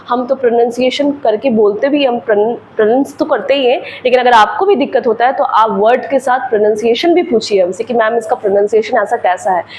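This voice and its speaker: High-voiced Indian woman teaching grammar. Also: low-quality recording. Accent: Indian English. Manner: explains patiently with repeated phrases and examples. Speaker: English teacher. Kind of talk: classroom lecture.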